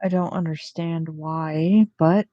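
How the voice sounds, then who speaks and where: A woman's voice: deep voice, fairly even intonation, takes it slowly, dry recording, muffled recording. A young woman in casual, rambling chat, full of ums and restarts, with the odd curse thrown in. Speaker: vlogger.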